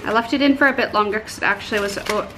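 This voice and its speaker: A bubbly beauty and lifestyle vlogger in her twenties talks rapid-fire to her viewers in a mid-range, slightly bright voice, with slight background noise. She's indoors at home in the living room and kitchen, keeping things casual, informal and self-deprecating.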